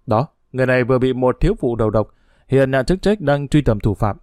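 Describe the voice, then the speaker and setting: A man voicing a troubled young man in a storybook reading, answering in quick, tense lines. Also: mid-range voice, lively intonation, darkish tone, dry recording, studio quality, lightly acted.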